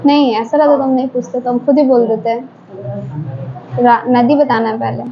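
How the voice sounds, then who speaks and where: A woman teacher running a quick quiz drill in a classroom, briskly prompting students to answer one after another. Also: on the high side, flat delivery, a crowd in the background. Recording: dull lo-fi classroom recording, faint noise.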